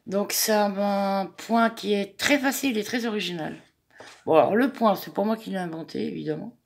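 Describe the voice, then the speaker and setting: A woman's voice: mid-range voice, moderate pace, gravelly. A woman hosting a step-by-step crochet tutorial. She talks in a chatty, hesitant way, with many fillers, and counts stitches aloud.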